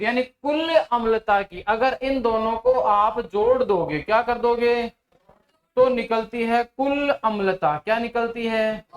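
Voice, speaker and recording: A man's voice: very high-pitched, reverberant, poor audio. A male agriculture teacher gives a classroom lecture, repeating questions back to his students and teasing them.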